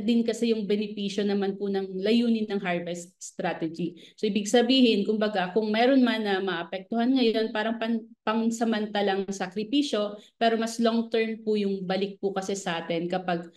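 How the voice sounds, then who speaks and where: A woman with a Filipino accent and a mid-range voice appears as an expert guest in a radio interview. She explains things politely, mixing Filipino with English.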